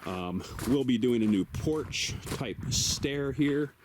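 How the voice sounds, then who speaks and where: Male DIY vlogger, middle-aged, mid-pitched, casual updates, some background noise. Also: expressive, slow pace. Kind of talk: casual build vlog talk.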